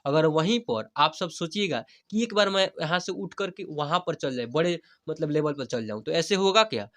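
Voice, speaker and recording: A man teaching a Hindi reading lesson, spelling each word slowly syllable by syllable and then saying it whole, often checking in with his students. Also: a little high, animated, a bit bright. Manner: coaxing, checks in with "theek hai?".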